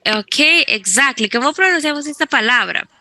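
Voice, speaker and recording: A woman's voice: high-pitched, lively intonation, normal speed. A woman teaching an English class in Spanish, patiently explaining grammar rules step by step and switching between Spanish and English.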